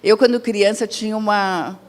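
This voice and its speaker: A woman's voice: mid-range voice, steady tone, moderate pace. A woman with a Brazilian Portuguese accent giving a public lecture, chatty and conversational, asking the audience questions and acting out quoted dialogue in her own voice. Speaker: lecturer at a spiritist center. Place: lecture hall. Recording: long hall reverb.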